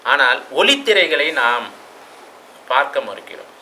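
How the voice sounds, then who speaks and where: A man lectures in a reflective way, tossing out rhetorical questions and now and then landing hard on a word. His voice is bright and forward. A faint ambient hum sits behind him. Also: mid-range voice, sing-song, unhurried, low-quality recording. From Tamil Nadu. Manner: reflective, with rhetorical questions and sudden loud stresses. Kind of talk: classroom lecture.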